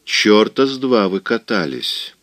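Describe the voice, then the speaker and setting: Cool mocking worldly guy voiced by the male reader, deep low voice, dead dry recording. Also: slow pace, no echo. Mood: cutting. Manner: cool, quiet and cutting. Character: cold, mocking, worldly man. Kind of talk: audiobook character voicing.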